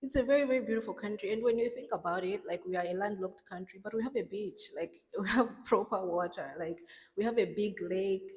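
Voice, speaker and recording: A woman's voice: mid-range voice, fairly quick, a little mellow, breathy edge, in a large hall. A young woman from Malawi talking casually to camera, chatty and emphatic, often laughing and repeating words for emphasis. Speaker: vlogger. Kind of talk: casual vlog monologue.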